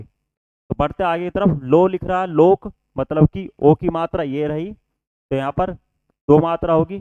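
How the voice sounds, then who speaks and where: Clear-voiced male Hindi tutor, quizzing his students. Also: a little high, darkish tone, no room sound, lo-fi sound. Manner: explains step by step, often asks the class questions and answers them himself; addresses students as children, repeats "ठीक है". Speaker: Hindi teacher. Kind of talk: online exam-prep lesson.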